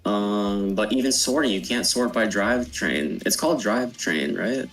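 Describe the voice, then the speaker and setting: A young man with a low, deep voice chats eagerly while playing a racing game, firing off questions. He sounds a little far from the mic, with faint music in the background. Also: gravelly, fairly bright tone. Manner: chatty and eager, quick to ask questions. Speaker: co-player, streamer's son. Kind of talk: casual chat while gaming.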